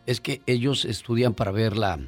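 A man cohosting a radio call-in show, calmly asking callers questions. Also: medium pitch, normal speed, soft background music. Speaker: radio host.

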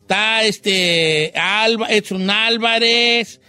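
A man's voice: high voice, drawn-out words, bright, forceful tone. A man hosting a radio show, joking playfully and reading out listener greetings in a slangy, casual way.

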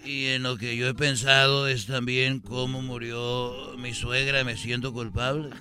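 A man telling a comic story about his family in a slow, deadpan way. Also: mid-range voice, loud music behind the voice. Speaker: comedian telling an anecdote. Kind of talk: comedy sketch storytelling.

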